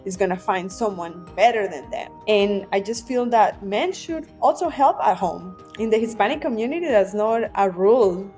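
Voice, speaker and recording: A woman's voice: mid-range voice, darkish tone. A young adult woman from Colombia, a podcast guest speaking candidly and earnestly about her own journey in a conversational interview. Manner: earnest, candid, tells personal stories. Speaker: podcast guest, community founder.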